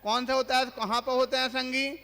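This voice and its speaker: A man's voice: extremely high pitch, flat delivery, a little fast, pushed and bright. A man, a monk teaching a religious class, asks the listeners questions and then recites the lists himself. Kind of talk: quizzing religious lesson. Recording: long hall reverb.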